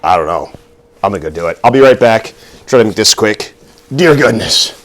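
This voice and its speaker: A man's voice: on the low side, animated, a little fast, a bit bright. A middle-aged man hosting a casual cooking vlog, talking while he works, nervous and self-deprecating, rambling with fillers and a little out of breath. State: out of breath at times. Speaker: cooking video host.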